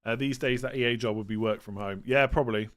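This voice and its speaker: Here a fantasy football livestream host with a West Country English accent speaks quickly at medium pitch in a steady tone. It's casual chat: he reads out questions from viewers and answers each plainly.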